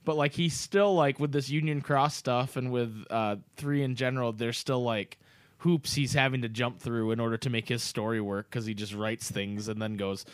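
Guy hosting a gaming podcast, rambly and chatty, mid pitch, dry close mic. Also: normal speed, clear, resonant tone, no room sound. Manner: rambling, animated, with lots of fillers. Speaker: podcast host. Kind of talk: casual chat.

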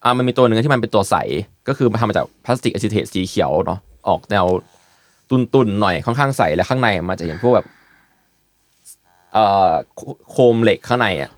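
A man hosting a casual podcast chat, explaining product details in a relaxed way with many fillers. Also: fairly low pitch, fairly quick, dry recording. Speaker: podcast host presenting eyewear.

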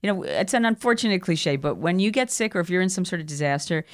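Low, clear-voiced middle-aged woman. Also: sing-song, fast. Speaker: podcast guest. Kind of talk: casual chat.

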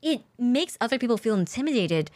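Candid, lively-voiced woman streamer. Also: fairly high pitch, brisk, no echo, studio quality. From lives in Japan. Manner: candid, swears freely, lots of fillers. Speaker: streamer co-host. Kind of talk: casual chat.

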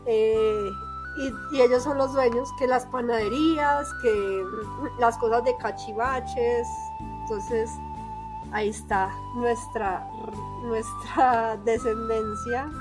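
A young Colombian woman with a paisa accent, chatting as a podcast guest in a lively, laughing, storytelling way. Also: fairly high pitch, slow, music in the background. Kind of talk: casual conversation.

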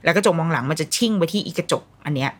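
A woman with a lowish voice talks rapid-fire as she tells parenting stories and offers advice. Her manner is blunt and colloquial in this casual chat, and she performs quoted voices as she goes.

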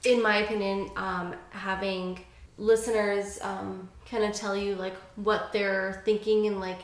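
A woman's voice: mid-range voice, flat delivery, a little slow. A woman guest chatting casually on a podcast in a bubbly, giggly way, with many fillers. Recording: roomy echoey room.

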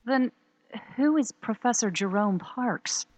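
A woman's voice: on the high side, lively intonation, slow, darkish tone, no echo. A woman playing an earnest, questioning rookie time-travel agent in an audio drama.

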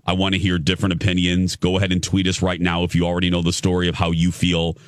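A man's voice: deep voice, monotone, fast talker, no room sound, studio quality. A man hosting a morning radio show, chatting casually and giving opinions in an informal way. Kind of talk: casual talk radio chat. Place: radio studio.

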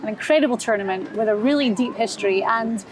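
Female sports show host, slightly high pitch, conversational presenting. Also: fast, low-quality recording.

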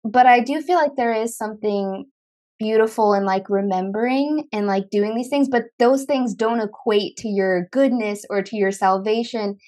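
A podcast host chats casually, her speech loaded with filler words and a constant "like." Her voice sits on the high side with a darkish tone, and she talks at a moderate pace.

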